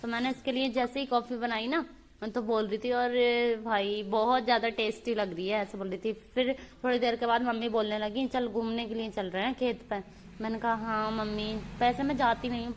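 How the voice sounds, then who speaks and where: A woman's voice: fairly high pitch, a little hiss or hum. A young woman vlogging in a casual, chatty way, retelling family exchanges while walking outdoors on a village farm path. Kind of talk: casual vlog narration.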